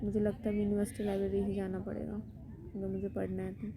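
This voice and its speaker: A woman's voice: mid-range voice, flat delivery, quick pace, gravelly, noisy background. A young woman in her twenties vlogging in a rambling, conversational way. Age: 20s. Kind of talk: casual chatty vlog.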